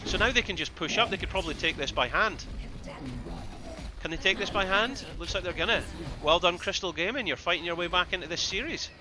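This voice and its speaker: A man giving excitable live play-by-play commentary on an esports match, with bursts of loud exclamations. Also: high voice, fairly quick. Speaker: esports caster.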